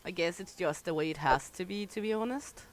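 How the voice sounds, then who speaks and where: A middle-aged streamer from Denmark, with a thick Danish accent and a brisk voice on the low side, chats candidly with her livestream audience while gaming. She's chatty, reading chat aloud and answering it.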